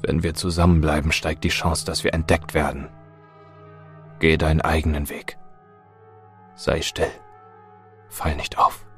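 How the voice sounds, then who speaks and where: A man voicing a detached, sorrowful male stranger in a horror story, speaking flat and quiet. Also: extremely low pitch, normal speed, soft background music. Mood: calm.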